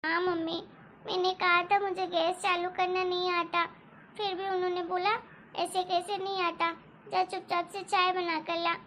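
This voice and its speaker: A woman voicing a small, timid girl who speaks quietly and plaintively. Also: extremely high pitch, little pitch movement, normal speed, a little hiss or hum. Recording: dull lo-fi recording.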